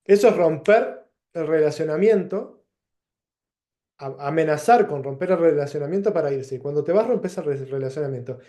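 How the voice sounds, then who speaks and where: A man with a Rioplatense Spanish accent giving a reflective lecture, pausing and restarting as he works through plain examples. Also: on the high side, animated, warm tone. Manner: thoughtful, pauses and restarts, gives plain examples. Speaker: teacher.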